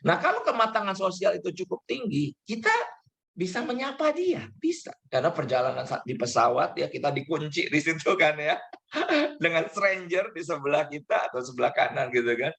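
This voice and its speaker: A man's voice: a little high, lively intonation, normal speed, creaky, fairly bright tone, slight background noise. A man who is a pastor, giving a conversational sermon with English terms mixed in, acting out little dialogues and laughing now and then.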